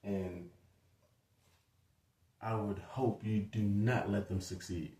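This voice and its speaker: In a slow, dark voice on the low side, with fairly even intonation, a man talks through a short lecture casually, loose and packed with fillers and asides. Roomy echo fills the recording, and the mic is some way off.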